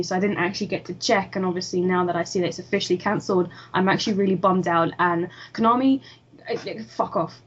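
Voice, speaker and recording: A woman co-hosting a casual podcast, ranting with a sarcastic edge. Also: medium pitch. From United Kingdom. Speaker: podcast co-host. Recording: dull lo-fi with faint noise.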